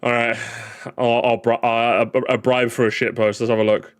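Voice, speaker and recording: A man's voice: mid-range voice, level tone, moderate pace. A young man streaming in casual chat, rambling and joking with mock outrage at his chat. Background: music playing.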